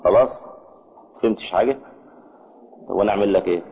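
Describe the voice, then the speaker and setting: A man with an Egyptian accent teaching an Arabic grammar lesson, explaining patiently and checking with his students through quick questions. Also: on the low side, highs cut off, slight background noise.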